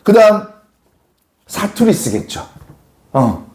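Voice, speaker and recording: A man's voice: sits high, big pitch swings, takes it slowly, darkish tone. A middle-aged man who teaches social studies, telling a personal story in class and acting out the quoted voices in it. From South Gyeongsang, Korea.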